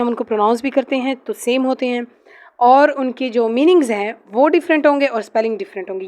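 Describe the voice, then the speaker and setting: A woman teaching a test-prep grammar lesson, explaining slowly and reading definitions aloud, with frequent filler pauses. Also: fairly high pitch, darkish tone.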